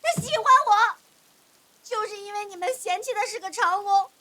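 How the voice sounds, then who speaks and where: An actress playing a spirited young rich daughter in a TV drama who answers back with quick, mocking retorts. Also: female voice, very high-pitched, fairly bright tone, a little hiss or hum. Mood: defiant.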